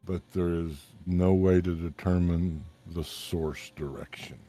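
A man running a tabletop game as game master, narrating events in a calm, measured way. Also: deep voice, faint music behind.

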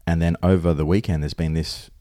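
A man's voice: deep voice, steady tone, a little fast, mellow, dry recording, clean studio sound. An Australian man co-hosting a podcast, talking casually and bluntly and telling stories in a conversational way. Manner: blunt, sweary. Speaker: podcast co-host.

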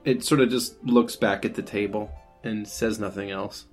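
A man's voice: fairly low pitch, fairly even intonation, moderate pace. A man narrating a tabletop role-playing game as game master. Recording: music playing behind the voice.

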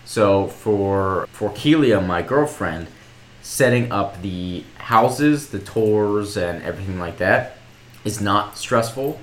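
A man's voice: lowish voice, expressive, takes it slowly. A young man co-hosting a podcast, talking casually and rambling through explanations. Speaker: podcast co-host. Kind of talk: casual chat. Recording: roomy echo.

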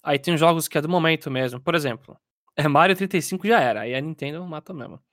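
A man's voice: on the high side, fast talker, a bit bright, no room sound, clean studio sound. A man with a Brazilian accent chatting casually as a podcast co-host, in an informal, slangy way. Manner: informal, slangy, chuckles while talking. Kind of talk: casual chat.

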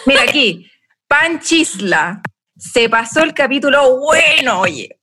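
A woman's voice: high-pitched, expressive, slow, background noise. A Chilean woman co-hosting a casual chat in playful slang, her speech slightly impeded after having a wisdom tooth out. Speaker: co-host.

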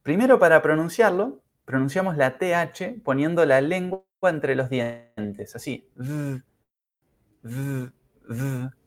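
A man teaching English pronunciation in a podcast lesson, speaking carefully and demonstrating sounds slowly. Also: a little high, lively intonation. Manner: slow, careful, exaggerated pronunciation drills.

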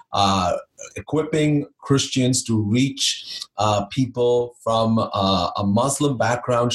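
A man co-hosting a ministry podcast from an office, upbeat and chatty. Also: medium pitch. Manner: upbeat, many fillers and restarts. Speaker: podcast co-host. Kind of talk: podcast conversation. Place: office in Toronto.

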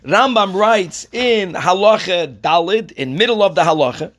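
High-voiced man teaching a religious lesson. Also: a bit bright. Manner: emphatic, deliberate, repeats key phrases for stress. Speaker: rabbi teaching religious law. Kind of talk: religious lesson, reading and explaining a text.

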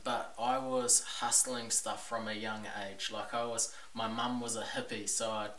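A man whose voice sits on the low side, fairly bright and level, speaks unhurriedly as a podcast guest. He is a New Zealand business owner with the country's accent, chatting frankly and laid-back in a casual interview recorded with a distant mic, roomy echo and faint hiss.

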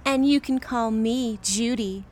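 Actress doing a flirty 1950s nanny, teasing, slow and a bit high, radio comedy. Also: female voice, darkish tone, natural voice. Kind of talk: period radio comedy acting.

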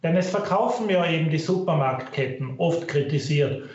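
Man, middle-aged, measured expert guest; low-quality stream, dull and very echoey. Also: lively intonation. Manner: thoughtful, weighs options carefully. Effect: low-quality online stream audio. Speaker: finance professor guest. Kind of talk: measured expert interview answers. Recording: very echoey, muffled online stream.

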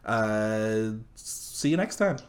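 A man's voice: fairly low pitch, animated, very slow. Easygoing man hosting a podcast. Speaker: podcast host. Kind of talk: casual chat.

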